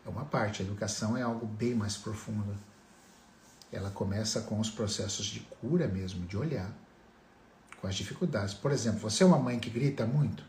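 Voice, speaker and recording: A man's voice: fairly low pitch, a little fast, darkish tone, reverberant, slight background noise. A man giving a motivational talk on family healing, asking his listeners direct rhetorical questions.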